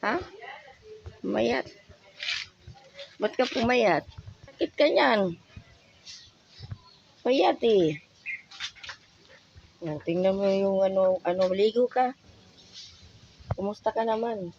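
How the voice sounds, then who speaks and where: A man's voice: high voice, lively intonation, takes it slowly, creaky, long pauses, a little mellow, highs cut off, a little hiss or hum. A man hosting a casual vlog, teasing and fussing over someone and firing off questions. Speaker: vlogger host.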